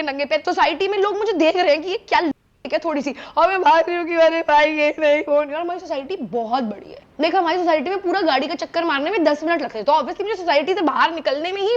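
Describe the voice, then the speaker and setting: High-voiced young woman telling a story. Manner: lively, mixes Hindi and English. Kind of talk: animated personal storytelling. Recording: dull lo-fi clip audio.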